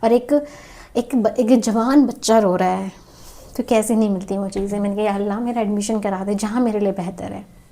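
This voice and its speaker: A woman's voice: medium pitch, steady tone, normal speed, dark tone. A young woman in her twenties telling a personal story in a candid, emotional vlog, rambling with many restarts. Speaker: vlogger.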